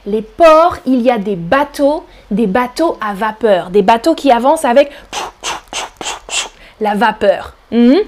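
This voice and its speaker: A woman teaches French on a live stream in a high, light voice. She speaks slowly and clearly for her learners and now and then sings lines of a song to them. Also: animated, darkish tone. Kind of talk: live-streamed language lesson.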